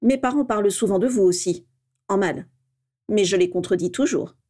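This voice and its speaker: A woman's voice: mid-range voice, moderate pace, dark tone, natural voice. A woman voicing a cheeky, scornful teenage schoolboy in a read-aloud story.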